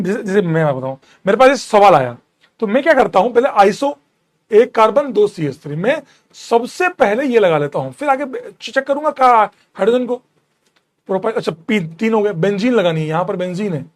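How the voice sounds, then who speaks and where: A man with a fairly high voice gives a relaxed, friendly chemistry lecture a little fast, like a chatty classroom teacher. He calls students "bro," encourages them, repeats steps, counts out carbons and keeps saying there's nothing to worry about.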